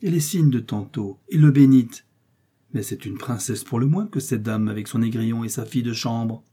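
A man's voice: medium pitch, normal speed, warm tone, slightly rough, natural voice. A man voicing a jealous, pleading middle-aged woman who speaks in a plaintive, sighing manner, in a storybook reading. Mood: coaxing.

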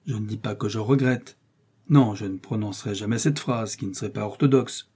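A man's voice: fairly low pitch, a little fast, mellow. A man voicing a vain, devout young musketeer who speaks politely and modestly. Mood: earnest. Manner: polite, smooth and modest-sounding.

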